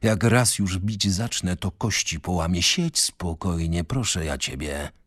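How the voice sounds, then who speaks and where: Man doing a calm menacing tough guy, slow quiet threats, low deep voice. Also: breathy edge, no room sound, studio quality, heavily acted.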